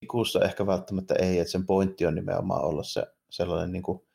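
A man's voice: sits low, level tone, gravelly, mellow, breathy edge. A man co-hosting a casual podcast, talking hesitantly with many fillers and restarts. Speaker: podcast co-host. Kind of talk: casual chat about games and anime.

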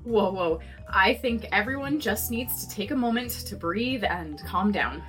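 A woman's voice: mid-range voice, animated, unhurried, faint music behind, close to an everyday voice. A woman playing an earnest, anxious young librarian sidekick in a noir audio drama, pleading and exasperated.

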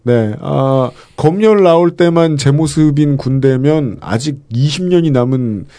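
A man's voice: fairly high pitch, a little slow, warm tone. Wry, chuckling male podcast host. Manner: reactive, chuckling, wry comments. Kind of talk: casual podcast discussion.

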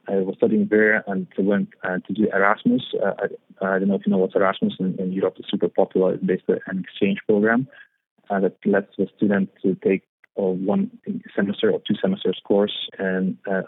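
A young man from Lithuania, speaking English as a second language, answers interview questions in a very low, husky voice. He hesitates constantly, with many fillers and repeated words. The sound is dry and tinny, like a phone call. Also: a little fast, no echo. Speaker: startup founder, guest. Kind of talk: interview conversation.

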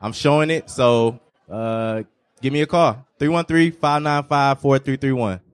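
A man pitching a fix-and-flip property at an investors' meeting, halting and correcting himself. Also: clear, resonant tone. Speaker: real estate seller pitching a property.

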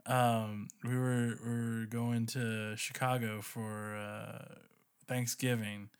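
A man in a casual podcast chat, animated and chatty, filling his talk with "like". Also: medium pitch, takes it slowly, clean tone.

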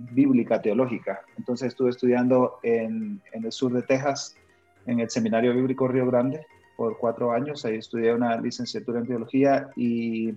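A man in his thirties who grew up in Honduras, now a missionary and pastor, tells his life story in a relaxed, chatty way, laughing easily and using frequent "ah" fillers. His medium-pitched voice is mellow, with lo-fi sound.

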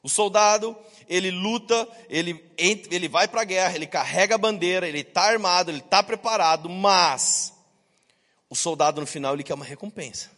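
A man's voice: high-pitched, moderate pace, a bit bright, in a large hall. A man preaching a sermon to his congregation, telling stories and acting out the voices of the people in them, with jokes along the way. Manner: storytelling, acts out quoted voices. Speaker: pastor. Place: church.

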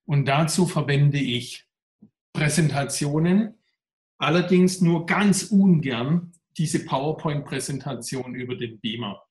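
A man answering interview questions in a candid, reflective way. His voice sits fairly high and sounds pressed and tense, and it rings with a roomy echo. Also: unhurried, a little mellow. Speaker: mental trainer.

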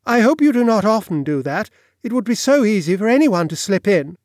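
A man voicing a lanky, nervous gentleman lodger who speaks courteously but with a shrill, hesitating, unbalanced voice. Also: animated, measured pace, no echo, studio quality. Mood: sharp.

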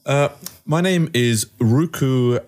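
A man hosting a comedy podcast quiz, talking in a deadpan, halting way and breaking into giggles. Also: mid-range voice. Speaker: quiz host. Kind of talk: casual comedy podcast banter.

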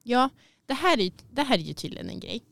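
A woman's voice: on the high side, big pitch swings, creaky, a bit bright, no room sound. A woman co-hosting a podcast, chatting casually and a bit self-consciously, laughing easily. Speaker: podcast co-host. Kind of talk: casual chat. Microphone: studio mic.

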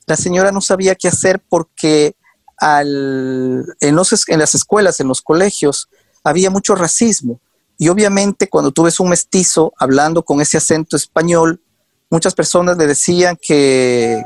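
With a fairly high pitch and no room sound, this male guest, a documentary show maker, shares earnest stories in conversational interview style, often hesitating and starting over.

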